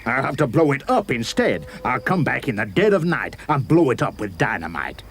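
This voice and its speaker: A man voicing a greedy, menacing wolf villain in a storybook puppet show, with theatrical, gloating, drawn-out taunts. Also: mid-range voice, sing-song, a bit bright, slight background noise, pitched above the performer's own voice. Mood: greedy, scheming.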